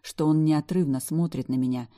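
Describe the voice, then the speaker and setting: A woman's voice: low voice, fairly even intonation, moderate pace, dark tone. A woman reading a first-person novel aloud with wry, emotional storytelling. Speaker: audiobook narrator.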